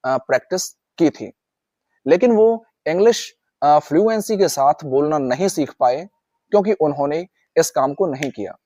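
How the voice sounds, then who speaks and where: A man teaching an English speaking lesson, who repeats practice phrases slowly and talks to his viewers as guys. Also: a little high, darkish tone, no echo, lo-fi sound. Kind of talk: spoken lesson.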